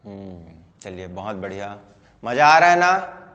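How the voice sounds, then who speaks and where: A man's voice: on the low side, very animated, measured pace, a bit bright, long reverb tail, highs cut off. A male teacher with a Chhattisgarhi accent, giving an online class and quizzing students with repeated call-and-response chants. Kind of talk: online class mnemonic lesson.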